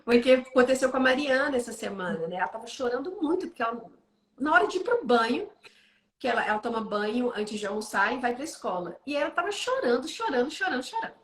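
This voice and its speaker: Woman, brisk conversational teacher, animated storyteller, a bit high, roomy echo. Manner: animated storytelling, frequent "né?" tags.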